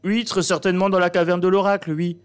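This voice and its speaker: A man's voice: high-pitched, level tone, quick pace, clear, resonant tone. A man hosting, playing a mock-stern schoolteacher in a comic, theatrical way. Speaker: host. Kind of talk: comic teacher role-play.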